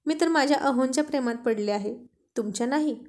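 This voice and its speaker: Brief: woman narrator voicing a playful young wife in a storybook romance, high-pitched. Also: brisk, darkish tone, natural voice. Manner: playful, coaxing. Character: witty affectionate young wife.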